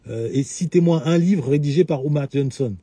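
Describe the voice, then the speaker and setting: A middle-aged man hosting a live talk answers questions in an unscripted, lecture-like way, speaking at length with many hesitations and restarts. His voice is fairly high, dark and slightly rough, delivered at a normal pace with no room sound.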